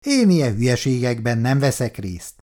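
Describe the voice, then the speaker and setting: A man voicing a rude, quarrelsome younger tenant who snaps and mocks in a gruff, loud way, in an audiobook reading. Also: mid-range voice, big pitch swings, lightly acted. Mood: hostile. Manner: gruff, shouting, mocking.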